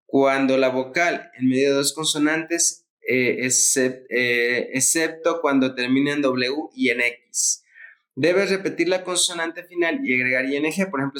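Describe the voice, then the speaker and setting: A man's voice: on the high side, fairly bright tone. A man teaching English grammar in Spanish, spelling words letter by letter and repeating the key points. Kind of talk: explaining grammar rules.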